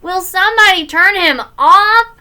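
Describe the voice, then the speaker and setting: A woman's voice: high voice, very animated, normal speed, pushed and bright, full character voice. A woman voicing a fed-up older brother of about ten who talks in an indignant, sarcastic way.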